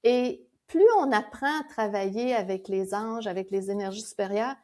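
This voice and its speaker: A woman with a Québécois French accent, a podcast guest telling lively stories and explaining her ideas, laughing now and then. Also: medium pitch, moderate pace. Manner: animated storyteller, laughs while explaining. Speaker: guest, founder of a spiritual school. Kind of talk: conversational podcast interview.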